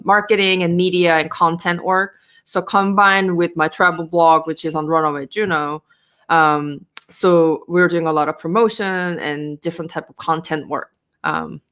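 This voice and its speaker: A Korean woman speaking English as a second language, with a Korean accent, chats casually as an interview guest. Her voice is low and a bit bright, with frequent fillers and restarts.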